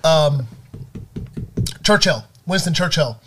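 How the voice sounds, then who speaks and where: A man with a fairly high voice chats casually on a podcast. He rambles through his stories with plenty of fillers, and he jumps up in pitch when he gets excited. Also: slow, a little hiss or hum. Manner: rambling, animated storytelling with many fillers. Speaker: podcast co-host. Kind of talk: casual chat.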